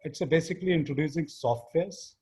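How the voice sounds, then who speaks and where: A man in his fifties from Uttar Pradesh in northern India speaks with an Indian English accent as a guest in a casual interview, where he is a business founder. His voice is a little high and slightly rough, and his delivery is halting, full of fillers and restarts, often trailing off quietly.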